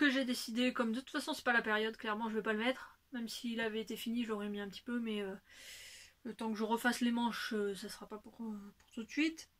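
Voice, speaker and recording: A woman's voice: on the high side, a bit bright. A woman with a slightly raised voice, chatting casually as host of her own knitting show. She rambles freely and stops often to hunt for words. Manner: rambling, chatty, full of hesitations. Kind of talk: casual chat.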